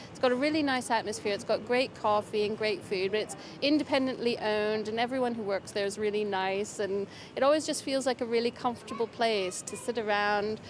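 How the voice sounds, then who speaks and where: Chatty woman, street noise behind. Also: a little high. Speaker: interviewee. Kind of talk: casual chat.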